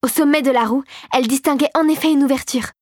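Woman telling a storybook adventure, dramatic and expressive, kinda high voice. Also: fast, no room sound, studio quality. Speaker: narrator. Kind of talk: scripted storybook narration.

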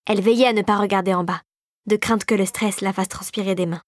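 A woman reading a storybook aloud in a measured, expressive way. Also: mid-range voice, dry recording, studio quality. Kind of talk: audiobook narration.

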